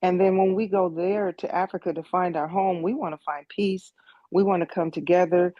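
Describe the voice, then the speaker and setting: Joining an online meeting, a woman from the United States in her sixties shares a heartfelt personal testimony, sometimes repeating words while thinking. She speaks at a moderate pace in a lowish, steady voice; the recording is dry, with the highs cut off.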